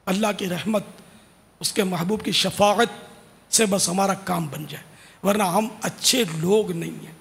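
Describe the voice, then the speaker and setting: High gravelly male preacher in hall. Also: a bit bright. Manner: earnest exhortation with casual asides. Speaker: religious preacher. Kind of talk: informal sermon to devotional singers.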